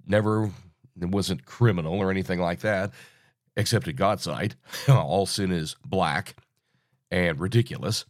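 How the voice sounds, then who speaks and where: A man in his sixties hosting an informal Bible teaching podcast, talking in a halting, rambling way, sounding hollow as if through a tunnel. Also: deep voice, dry recording, studio quality. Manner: halting, rambling, self-interrupting. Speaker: podcast host.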